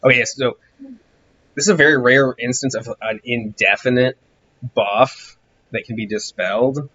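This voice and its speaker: A man streaming a game, rambling distractedly through casual commentary while he grows hoarse and loses his voice. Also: mid-range voice, normal speed, sharp tone, dull audio. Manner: rambling, distracted, musing aloud.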